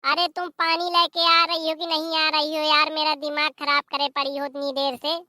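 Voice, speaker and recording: Voice actor playing a squeaky high cartoon husband, fed up and yelling at his wife, dry close sound. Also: monotone, normal speed, no room sound. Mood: exasperated. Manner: shouting, complaining, scolding. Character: exasperated middle-aged village husband. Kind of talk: animated comedy voice acting.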